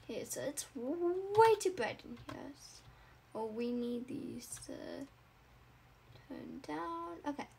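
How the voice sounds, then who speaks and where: High-voiced chatty woman narrating a game. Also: animated, slow pace, creaky, mellow, slight background noise. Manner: chatty and dramatic, many "like" fillers. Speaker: gamer narrating her character. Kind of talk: playful first-person game commentary.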